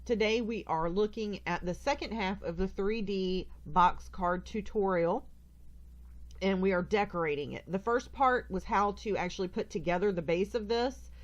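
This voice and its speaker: A woman with a stuffy, congested nose hosts a casual craft tutorial, chatty and rambling, often correcting herself as she goes. Her voice is medium-pitched, and the highs are cut off.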